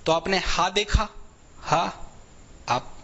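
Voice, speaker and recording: A man's voice: high voice, slow pace, sharp tone. Man teaching English in Hindi. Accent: Indian English. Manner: explains in Hindi with English words, asks rhetorical questions often. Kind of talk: online exam-prep class.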